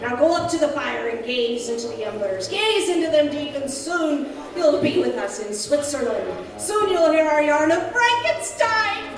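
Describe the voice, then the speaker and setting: Radio-play crone: high, swooping, gleefully sinister rustic witch, echoey hall with music. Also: very animated, moderate pace, few pauses. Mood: gleefully spooky. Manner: archaic rustic dialect with cackling. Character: cackling 111-year-old witch storyteller, rustic and gleefully sinister. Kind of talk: old-time radio horror acting. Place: community hall stage, live show. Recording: echoey hall, distant mic, music behind.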